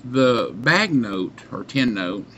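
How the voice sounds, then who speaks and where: A middle-aged man chatting casually to camera as a reviewer, halting and pausing often, recorded on a webcam mic in a small room. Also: mid-range voice, big pitch swings, fairly bright tone. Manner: halting, unhurried delivery with long pauses. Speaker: pipe tobacco reviewer. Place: small dim room indoors. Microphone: webcam or computer mic at arm's length. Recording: muffled webcam sound with background noise.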